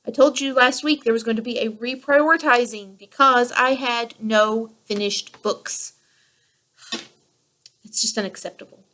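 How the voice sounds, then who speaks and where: Chatty thirtysomething woman rambling on her podcast, voice a bit on the high side. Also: fairly even intonation, measured pace, sharp tone. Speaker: podcast host. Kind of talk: casual solo podcast chat.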